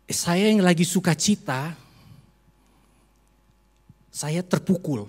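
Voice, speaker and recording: A man with a slightly high, warm and husky voice preaches to his congregation in a church. His delivery is heartfelt and emotional as he tells a personal story. Soft band music plays faintly behind him. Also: takes it slowly, in a large hall. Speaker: pastor. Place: church sanctuary during a service.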